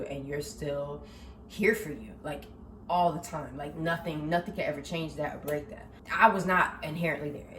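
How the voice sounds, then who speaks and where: A young woman in her twenties talking casually about faith and self-worth, lively, laughing often, with lots of slang and "like". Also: deep voice, recorded from a distance. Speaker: vlogger. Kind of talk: casual faith talk to camera. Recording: roomy echo, slightly off mic, faint background hiss.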